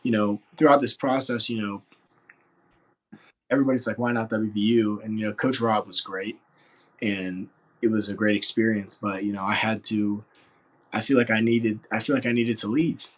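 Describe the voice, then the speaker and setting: A man's voice: lowish voice, fairly even intonation, normal speed, low-quality recording. A man in his late teens from West Virginia, answering interview questions in an earnest, rambling way full of filler words. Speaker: football recruit interviewee.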